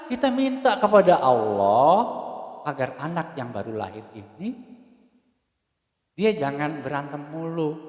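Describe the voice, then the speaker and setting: A man giving an informal, joking religious talk, swinging from loud to hushed. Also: fairly high pitch. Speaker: preacher. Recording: roomy hall with long reverb.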